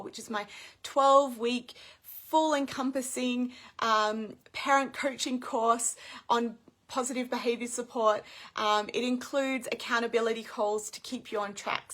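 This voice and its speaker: A woman's voice: a little high, fairly bright tone. A woman parent coach teaching in a live video, upbeat and explaining step by step.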